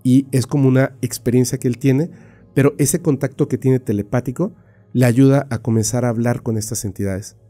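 A man with a very dark, mellow voice tells a story on a podcast. He keeps it casual and animated, leans on fillers and now and then imitates sounds with his mouth. Faint music plays underneath. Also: mid-range voice, normal speed.

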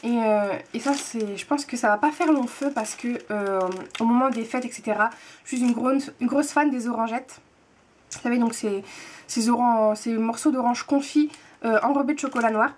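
Gushing high-voiced young woman vlogger. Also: normal speed, slight background noise. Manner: chatty and gushing, repeats words for emphasis. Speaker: book and tea vlogger. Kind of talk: casual unboxing chat to camera.

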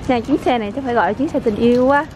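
A woman's voice: a little high, very fast, noisy background. A woman filming a family vlog, playfully coaxing children and talking to viewers. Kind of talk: casual family vlog chat.

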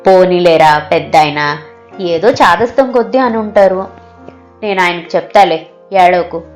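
A woman's voice: on the low side, unhurried, soft background music, close to an everyday voice. A woman voicing a kindly middle-aged hotel supervisor. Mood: coaxing. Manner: soothing, coaxing.

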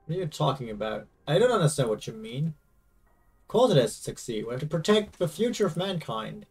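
A man's voice: a little high, big pitch swings, brisk, creaky, darkish tone, breathy edge, far from the mic, soft background music, heavily acted. Man reading as a confused young hero. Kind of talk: reading game dialogue aloud.

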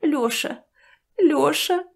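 A woman's voice: sits high, unhurried, creaky, pitched above the performer's own voice. A woman voicing an elderly, sick mother in a hospital bed who speaks faintly in short, broken phrases through tears. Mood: tearful.

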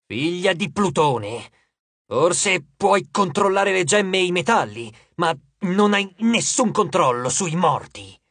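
A man's voice: sits high, sing-song, fairly bright tone, husky, no echo, heavily acted. A man doing a growling possessed spirit. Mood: hostile. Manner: growling, slow.

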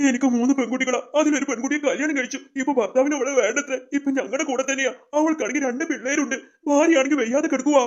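Performer putting on a gentle old grandpa, soft and tender, quick-spoken, middle pitch. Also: dull audio, lightly acted. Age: older. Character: poor old male Santa-costume worker, gentle and weary. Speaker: street Santa performer.

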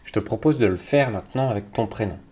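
A man teaching young children, talking slowly and patiently, with hesitant fillers. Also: on the low side. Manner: speaks slowly to a child, hesitant fillers, loudly claps out each word. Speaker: kindergarten teacher.

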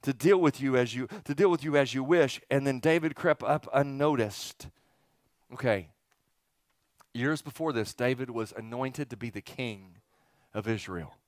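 A mid-range male voice at normal speed carries this middle-aged pastor's informal, interactive sermon, full of folksy humor, rhetorical questions to the congregation, and emphatic repetition. He stands on an indoor church auditorium stage wearing a headset. The sound is clean, studio-like, with no echo.

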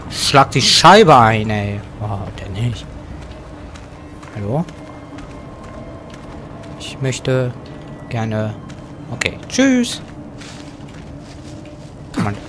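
A man plays a horror game and talks his way through it at an unhurried pace, cracking jokes as he goes. He drops to a whisper when things get tense and bursts out loudly when startled. Soft game music plays underneath. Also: mid-range voice. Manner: joking running self-talk, sudden loud outbursts. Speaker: let's play gamer. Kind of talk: casual gameplay commentary. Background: faint game music.

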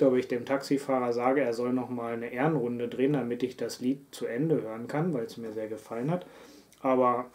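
A man reciting a rhyming poem live on stage, his voice mellow and darkly warm. His delivery is rhythmic and even, and he lets the ends of lines sink softly away. He speaks like a singer-songwriter addressing an audience. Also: medium pitch, a little hiss or hum. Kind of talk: spoken-word poetry performance.

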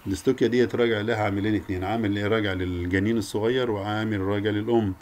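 A man's voice: lowish voice, fairly even intonation, very fast, darkish tone, a little hiss or hum. A man with an Egyptian Arabic accent giving a recorded academic lecture, peppering his speech with English technical terms. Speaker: veterinary lecture presenter.

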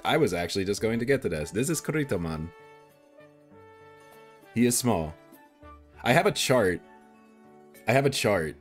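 A man streaming live as a VTuber, chatting casually in a playful, rambling way and swearing freely. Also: mid-range voice.

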